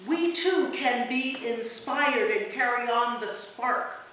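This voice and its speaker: Reading a written memorial tribute aloud at a church service, a woman pastor speaks slowly in a slightly high, fairly bright voice. She was recorded from a distance, leaving strong church reverb and faint noise.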